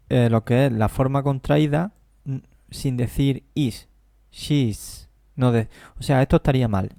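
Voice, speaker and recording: A man teaching a language lesson, explaining slowly and carefully and repeating example phrases. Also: medium pitch, creaky, dark tone, no room sound, clean studio sound. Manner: slow, careful explanations with deliberate English examples. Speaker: English teacher. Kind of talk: classroom-style language lesson.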